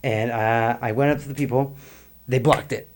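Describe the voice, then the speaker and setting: A man's voice: medium pitch, fairly even intonation, normal speed. A middle-aged man, a guest on a podcast, telling a long story in a rambling, profane way and laughing between lines. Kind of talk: casual storytelling.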